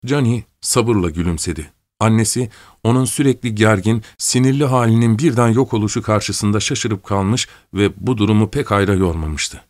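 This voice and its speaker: A man narrating a story aloud in a measured, steady reading voice. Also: lowish voice, no echo, clean studio sound. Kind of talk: scripted audiobook narration.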